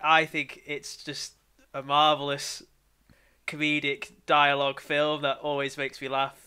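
A man co-hosting a podcast, chatting casually with lively, quick interjections. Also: on the high side, smooth. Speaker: podcast co-host. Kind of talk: casual chat.

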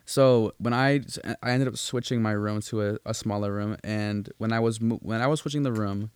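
A man's voice: fairly low pitch, normal speed, a little mellow, clear, resonant tone, no echo. A young man hosting a casual podcast chat, telling stories in a rambling, profane way with lots of restarts and fillers. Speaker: podcast co-host.

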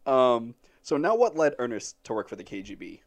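A man's voice: medium pitch, very animated, normal speed. A man hosting a casual podcast, rambling with lots of fillers and frequent laughs. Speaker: podcast host presenting the topic.

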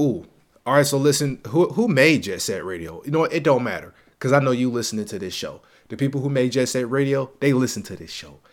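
A young man at medium pitch hosts a relaxed solo gaming podcast, his voice slightly stuffed up. With the energy of a hype man, he chats in slang and echoes his own lines for emphasis.

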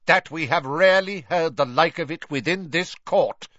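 A man's voice: mid-range voice, sing-song, a little slow, a bit bright, no room sound, pitched above the performer's own voice. A man voicing a cold, stern official pronouncing judgment in a court, in a dull, dry recording. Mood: commanding. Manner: cold, commanding.

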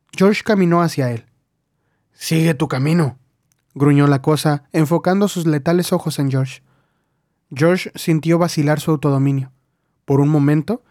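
Fairly high-voiced male storyteller. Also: darkish tone, no echo, studio quality. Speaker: audiobook narrator. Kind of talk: scripted narration.

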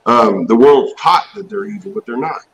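A man in his mid-forties talks as a podcast guest in folksy, blunt, plain-spoken casual chat. His voice sits a little high. He speaks with easy, down-to-earth directness. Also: big pitch swings, normal speed, gravelly, over loud music, poor audio. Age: 40s. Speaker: reptile breeder and business owner, guest.

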